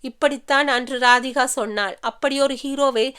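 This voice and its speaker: A woman's voice: high-pitched, steady tone, moderate pace, a bit bright, clean tone. A woman narrating a romance thriller novel as an audiobook, reading every character's dialogue in her own voice.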